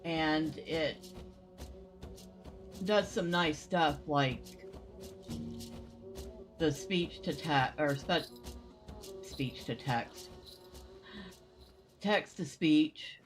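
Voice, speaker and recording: A woman's voice: sits low, very slow, pauses often, faint music behind. A woman streaming a game, chatting casually and answering her viewers between exclamations. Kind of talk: casual live-stream commentary.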